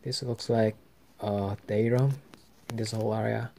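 A man exploring a dark abandoned hospital, giving casual commentary with wry, muttered asides into a handheld camera. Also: lowish voice, flat delivery, a little slow, vocal fry, slight background noise. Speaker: urban explorer.

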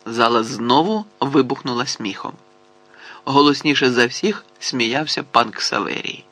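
A man narrating an audiobook in an expressive storytelling manner. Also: mid-range voice, measured pace.

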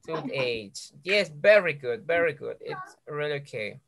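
A woman with a low voice teaches English vocabulary to a group of children. She is patient, repeating each word slowly and encouraging the class with frequent praise. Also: very animated, a bit bright, a little hiss or hum. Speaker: primary school English teacher.

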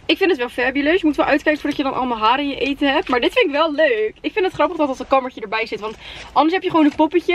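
A woman in her twenties with a Netherlands Dutch accent, chatting casually and excitably to camera with English slang mixed in. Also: sits high. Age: 20s. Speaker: vlogger. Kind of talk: casual vlog chat. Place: inside a parked car at night. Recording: faint background noise in car.

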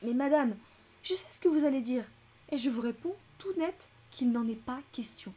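A woman's voice: high-pitched, lively intonation, normal speed, dark tone, husky. A woman voicing a fussy, anxious older American lady who complains shrilly and breathlessly, in an audiobook reading. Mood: indignant.

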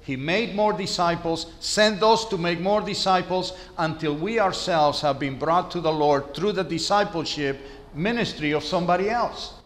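Priest preaching in an echoey church. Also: male voice, high-pitched, moderate pace, a bit bright. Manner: earnest, preaching with hand gestures. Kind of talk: sermon. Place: church sanctuary. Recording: echoey church hall from far off.

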